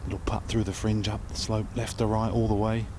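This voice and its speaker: A man's voice: lowish voice, flat delivery, brisk. A man working as a golf commentator, giving live commentary on play. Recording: noisy outdoor broadcast.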